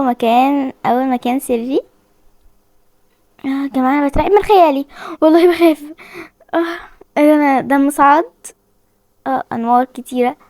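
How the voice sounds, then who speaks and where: A woman's voice: sits high, dark tone, dry recording. A young woman with an Egyptian Arabic accent, commenting on a horror game she plays, jumpy and frightened, squealing and pleading as she goes. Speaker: gaming channel host.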